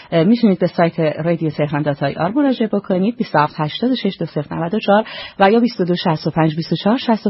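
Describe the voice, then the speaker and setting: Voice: mid-range voice, slightly rough, no echo. A radio host talking politely to listeners, inviting them to take part, in a formal yet casual tone. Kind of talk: radio program talk. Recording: slightly muffled radio broadcast.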